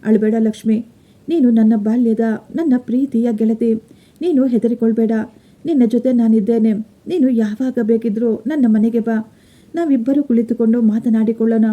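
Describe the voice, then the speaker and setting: A woman voicing a kind young pregnant wife who gently comforts her friend. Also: fairly high pitch, fairly even intonation, moderate pace, phone-quality sound, close to an everyday voice. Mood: comforting.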